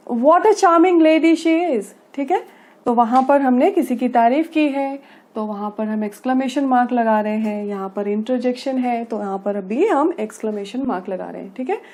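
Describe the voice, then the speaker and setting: A woman with a high voice but dark tone teaches a classroom-style grammar lesson. She explains slowly, checks understanding with frequent tag phrases, and reads English examples slowly and carefully.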